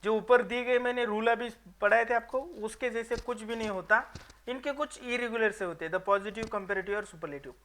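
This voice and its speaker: A man teaching an English grammar lesson to students, explaining each rule step by step and checking with quick rhetorical questions. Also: high voice, a bit bright. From Maharashtra, India.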